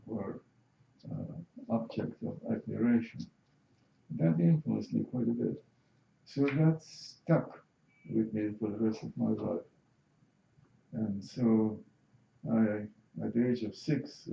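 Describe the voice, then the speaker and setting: An older man from Azerbaijan with a Russian accent, slowly answering interview questions with many halting fillers. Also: fairly low pitch, gravelly. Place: university building. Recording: echoey room, muffled sound, faint hiss.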